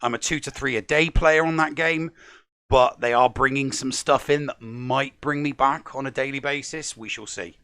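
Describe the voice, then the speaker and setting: A male podcast host with a bright, forceful voice and a creaky edge. He chats emphatically and repeats words for stress, recorded close and dry. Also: medium pitch, fairly even intonation, normal speed, no room sound. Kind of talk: upbeat gaming podcast chat.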